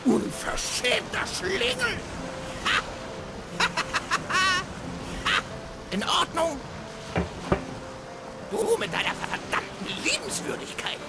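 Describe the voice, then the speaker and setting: Casting: tiny mocking game leprechaun, high, wildly swooping voice, cackling and grumpy, over loud ambience. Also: wildly swooping pitch, measured pace, long pauses, very noisy, heavily acted. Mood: scolding, smug. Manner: cackling, taunting, theatrical. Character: small mischievous male leprechaun, mocking and grumpy. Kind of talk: video game voice acting.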